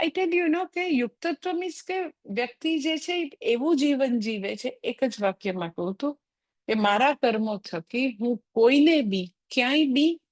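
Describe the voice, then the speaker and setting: A woman's voice: high voice, no echo. A woman spiritual teacher giving a scripture class in a conversational way, dropping English phrases into her talk.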